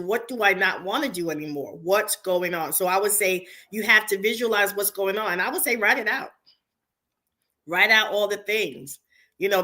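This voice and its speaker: A middle-aged woman speech therapist, a podcast guest, giving earnest, measured advice in casual conversation. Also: medium pitch, sharp tone.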